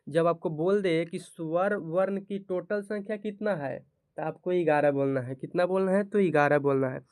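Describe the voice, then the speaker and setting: Male teacher, slightly high, smooth voice, asks and answers his own questions, close dry mic. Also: moderate pace, darkish tone, no room sound. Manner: repeats each question and answers it himself. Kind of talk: grammar lesson for board exam students.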